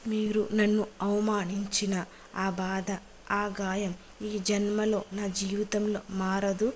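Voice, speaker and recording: A woman's voice: mid-range voice, level tone, slow, a little hiss or hum, close to an everyday voice. A woman reading the lines of a hurt, angry young wife, reproachful and accusing, in a serial recap.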